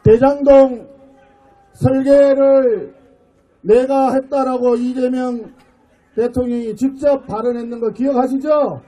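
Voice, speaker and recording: A middle-aged man delivers a fiery rally speech outdoors, his voice pushed very high from shouting yet dark and mellow in tone. He speaks slowly, breaking his words into emphatic pieces. He fires rhetorical questions at the crowd. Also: rough recording. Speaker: party floor leader giving a rally speech.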